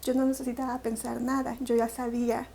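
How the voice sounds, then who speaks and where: A woman's voice: on the high side, little pitch movement, brisk, gravelly, warm tone, slight background noise. A woman from El Salvador with a Salvadoran Spanish accent, an interview guest telling her personal story in a reflective way, with many fillers and restarts.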